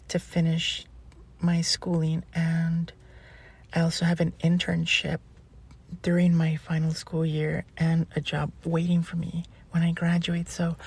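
A woman in an ASMR role-play, playing a flustered, polite college student who delivers food, with a breathy, husky voice and a hesitant, stammering, apologetic manner. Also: low-pitched, warm tone, heavily acted.

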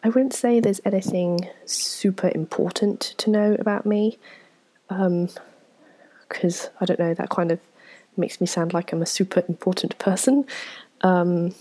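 An English vlogger in her twenties answers viewer questions in a casual Q&A chat to camera. Her lowish voice is husky and mellow, with fairly even intonation and a measured pace. She's frank and self-deprecating, rambling with many ums and soft whispery asides.

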